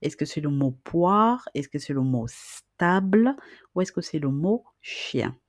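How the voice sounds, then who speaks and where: A woman teacher with a low-pitched, animated voice takes beginners through reading and writing a little slowly and patiently, repeating questions and checking on the listener. The sound is clean studio quality without echo.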